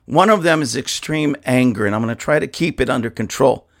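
On a podcast, a male pastor speaks fairly quickly at a medium pitch, his throat hoarse and dusty. His commentary is impassioned, indignant and emphatic, with plenty of repetition.

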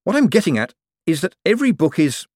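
A man's voice: a little high, big pitch swings, fast, darkish tone, no room sound, clean studio sound, voice pushed up. Man doing a glib, evasive young con man. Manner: hesitant, wry and evasive.

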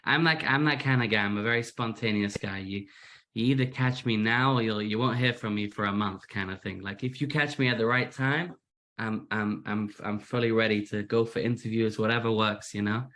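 On the low side and a bit bright, this man's voice stays fairly even as he talks briskly. An English musician in a casual interview, he has a slightly Americanized Manchester accent, downplays himself, and often repeats words.

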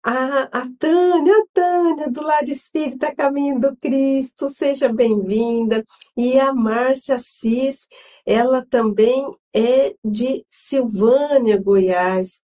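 A Brazilian woman hosting an online Spiritist gospel study, leading an opening prayer and reading a devotional text in a solemn, measured way. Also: high-pitched, mellow. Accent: Brazilian Portuguese. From Brazil, São Paulo state.

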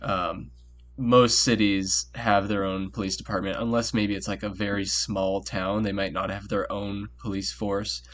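Low-voiced man explaining over a call. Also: flat delivery, unhurried, a bit bright. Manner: laid-back explaining with many fillers. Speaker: podcast co-host. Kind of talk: casual chat on a call.

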